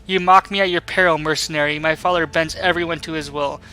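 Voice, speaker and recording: A man's voice: fairly high pitch, fairly even intonation, fast, sharp tone, clear, resonant tone, low-quality recording. A man voicing a defiant, sneering woman villain from a video game, sputtering and gloating in defeat. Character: sneering, defiant female villain, captured noble mech pilot. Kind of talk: dramatic read-aloud of game dialogue.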